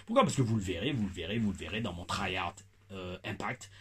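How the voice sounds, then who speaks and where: Husky French man reviewing wrestling. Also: low-pitched, quick pace. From France. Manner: animated, playful asides. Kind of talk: casual review commentary.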